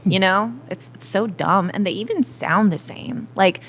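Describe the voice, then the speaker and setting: A young woman, a singer-songwriter guest on a podcast, talking in casual chat, candid and quick to laugh. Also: medium pitch, fairly bright tone, slight background noise.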